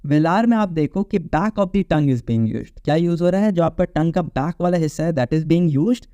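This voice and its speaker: A man's voice: a little high, animated, warm tone, no room sound, dull audio. A man with an Indian accent teaching an exam-prep phonetics lesson, explaining step by step and checking in with listeners often. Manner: explanatory, checks in with frequent "theek hai?" and slows down for English terms. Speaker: English teacher.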